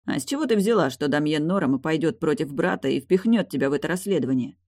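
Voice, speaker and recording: A woman's voice: deep voice, expressive, quick pace, a little mellow, no echo, studio quality. A woman reading an audiobook, voicing a weary, curt male guard investigator who talks in a terse, defensive way.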